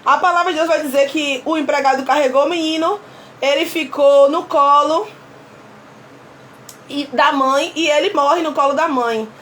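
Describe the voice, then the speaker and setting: A woman with a very high, bright-sounding voice preaches in a relaxed, conversational way, repeating her key points for emphasis. She slips into the voices of quoted characters as she retells a Bible story. A faint hum of ambience sits behind her. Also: normal speed. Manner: voices short quoted lines within her telling. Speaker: preacher and clinical psychoanalyst.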